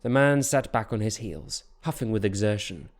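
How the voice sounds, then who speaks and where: A man narrating a fantasy audiobook in a steady, measured storytelling voice. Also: on the low side.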